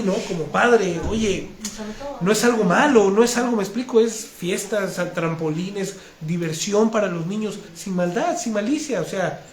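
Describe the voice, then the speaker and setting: Earnest high-voiced preacher, echoey hall. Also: male voice, darkish tone. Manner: earnest, heartfelt storytelling with frequent restarts. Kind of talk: personal testimony in a sermon. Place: congregation hall. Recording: echoey room with faint noise.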